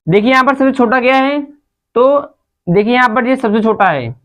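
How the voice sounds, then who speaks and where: A woman's voice: fairly high pitch, animated, normal speed. A woman teaching a maths lesson to children, patient and step by step, often calling out to the kids. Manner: patient, repeatedly addresses the children.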